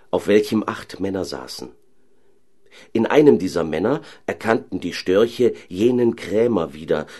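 A man calmly narrating a fairy tale audiobook. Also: deep voice.

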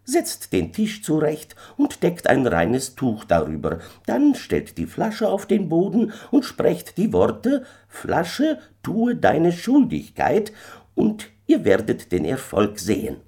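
A man reads aloud as an uncanny little old man from a storybook, malicious and insistent. The voice climbs high and drags each word out slowly. A raspy grain runs under it. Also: wildly swooping pitch, warm tone, exaggerated voice. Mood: commanding. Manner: slow, high, insistent pleading.

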